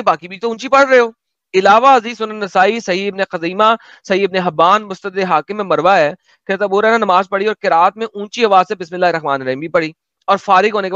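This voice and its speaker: High-voiced sarcastic man reading and commenting. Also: fairly bright tone, no room sound. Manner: sarcastic, mocking asides. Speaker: host. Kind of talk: reading aloud and commenting in casual chat. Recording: dull dry lo-fi audio.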